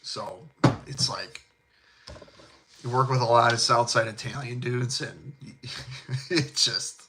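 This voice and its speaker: With a little hiss or hum in the recording, this fragrance channel host, a middle-aged Chicagoan with a thick South Side accent, chats live at a slow pace. His voice is medium-pitched, bright and forceful, and his talk is laid-back and rambling, peppered with fillers, laughs and chummy warmth.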